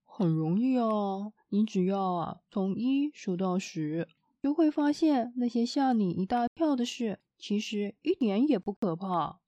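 A woman voicing a kind-hearted male tramp in a storybook, speaking in a soothing, unhurried way. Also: mid-range voice, lively intonation, warm tone, no room sound, muffled recording, natural voice. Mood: gentle. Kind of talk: storybook reading.

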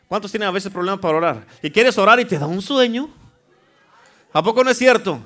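High-pitched emphatic pastor. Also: male voice, a little fast, fairly bright tone. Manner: emphatic, calls for amen, jokes with the congregation. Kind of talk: sermon. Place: church.

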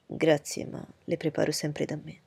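A woman voicing a proud, reserved gentleman. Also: low voice, monotone, creaky, breathy edge, heavily acted. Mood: cool. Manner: cool, measured, lecturing.

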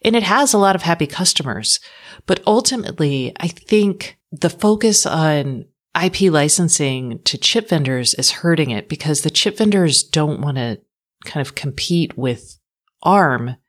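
Low-voiced woman co-hosting a tech podcast. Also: expressive, unhurried. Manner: conversational, frank, trails off with dry asides. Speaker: podcast co-host. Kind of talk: casual tech podcast chat.

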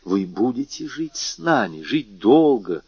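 A man voicing a grave middle-aged magistrate who speaks low, calm and placating. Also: unhurried, slightly rough, exaggerated voice. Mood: soothing. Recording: dull dry lo-fi audiobook.

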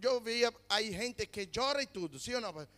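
A man preaching a fervent sermon, swinging from loud emphatic peaks to low quiet asides. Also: expressive, moderate pace, big-room sound.

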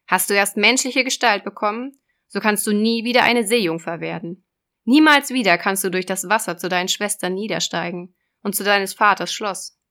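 A woman voicing a cruel, scheming old sea witch in a storybook reading, loud and sneering. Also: mid-range voice, moderate pace. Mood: menacing, sneering.

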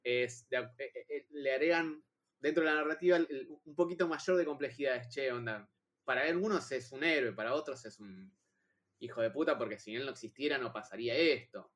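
Rioplatense man, casual podcast talk, excitable, restarts often. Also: mid-range voice, a little fast. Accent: Rioplatense Spanish. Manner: excitable, stumbling restarts, heated slang. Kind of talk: casual chat about films.

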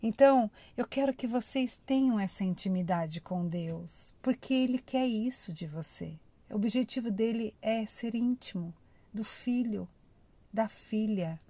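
A woman's voice: a little high, a little slow, no room sound. A woman giving an informal devotional talk, chatting with her listeners and acting out heartfelt prayers. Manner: warm conversational, addresses listeners as "gente"; acts out emotional prayers. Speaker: devotional speaker.

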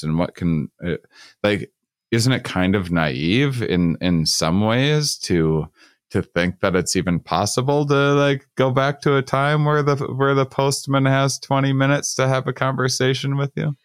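A man hosting a casual conversation, talking haltingly with many repeated words and fillers. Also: sits low, clear, resonant tone, no echo, clean studio sound.

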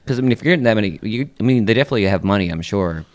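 A man's voice: on the low side, animated, rapid-fire, a little mellow. A young man joining a casual podcast chat, often stopping and restarting his sentences. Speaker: podcast co-host.

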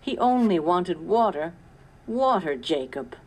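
A woman reading a storybook voices a gentle, homesick young farm wife who pleads with emotion. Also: fairly low pitch, sing-song, slow, slightly rough, heavily acted. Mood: pleading.

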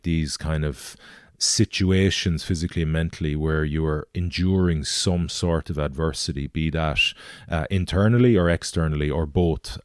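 A man's voice: rumbling low, a little mellow, clean tone, no room sound, clean studio sound. A man with a west of Ireland accent, talking earnestly and reflectively as an interview guest, often hesitating as he thinks aloud. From Galway, west of Ireland. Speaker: interview guest, endurance athlete.

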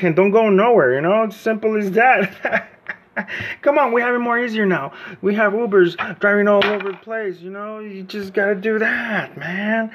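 Recorded on a phone with the highs cut off, this high-voiced man in his late forties runs a pretend radio show from his home. He rambles, cracks jokes, and laughs frequently in a loose, comedic monologue.

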